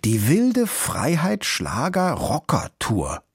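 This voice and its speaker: A man voicing a clever, casual young male fox cub in a storybook, reading aloud slowly and carefully. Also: fairly high pitch, wildly swooping pitch, husky, no echo, studio quality, pitched above the performer's own voice, full character voice.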